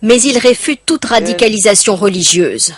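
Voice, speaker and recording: A woman narrating a television news report in a clear, steady voice. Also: medium pitch, normal speed, crowd noise.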